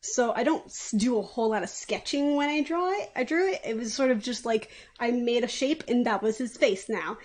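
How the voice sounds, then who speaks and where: A woman in her thirties, the artist and co-creator, chatting casually on a stream in a rambling, relaxed way with fillers. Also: fairly high pitch, moderate pace, few pauses.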